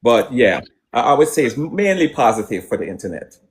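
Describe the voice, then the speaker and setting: A man's voice: mid-range voice, very animated, brisk. A man from Guyana, a musician guest answering questions in a casual online interview, full of restarts and hesitant fillers. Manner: rambling, hesitant with many restarts.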